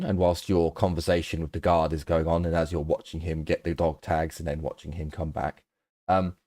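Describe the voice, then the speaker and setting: A man narrating a tabletop game as game master, unhurried and full of um fillers. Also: low-pitched, a little mellow, no room sound, clean studio sound.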